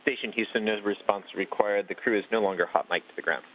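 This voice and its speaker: A man's voice comes over a space-to-ground radio link, squeezed thin and tinny like a phone line. He rattles off terse, matter-of-fact calls to the crew at a quick clip, his pitch sitting on the low side. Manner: clipped, matter-of-fact radio procedure talk. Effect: space-to-ground radio comm link. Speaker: mission control communicator. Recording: tinny distant radio loop.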